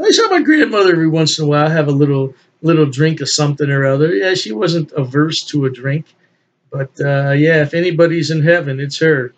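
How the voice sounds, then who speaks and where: An older man reviewing beer gives a relaxed, folksy tasting in a casual solo video, chuckling now and then as he goes. His voice runs a little high for a man, and the webcam on his desk makes the sound somewhat dull and lo-fi. He's indoors in a home office filled with beer memorabilia.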